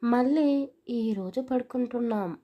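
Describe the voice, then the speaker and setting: A woman's voice: a little high, a little slow, lo-fi sound. A woman voicing a timid, innocent young bride, asking meek, hesitant questions. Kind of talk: audio story acting.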